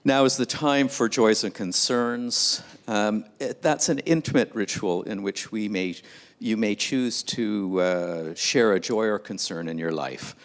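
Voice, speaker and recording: A man with a fairly low voice announces a part of the service to a congregation. His delivery is measured and slightly halting, with small restarts. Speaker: worship leader.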